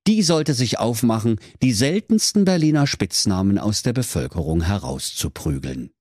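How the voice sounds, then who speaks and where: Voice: medium pitch, big pitch swings, moderate pace, a little mellow, husky, no echo, clean studio sound. Trockener, lebhafter Märchenerzähler. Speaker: storyteller. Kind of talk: comic fairy tale narration.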